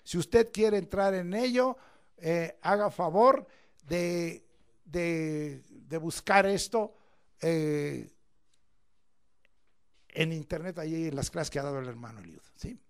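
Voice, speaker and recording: A man preaching a church sermon, emphatic, swinging between loud declamation and low asides and drawing out key words. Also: takes it slowly, long pauses, clear, resonant tone. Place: church service.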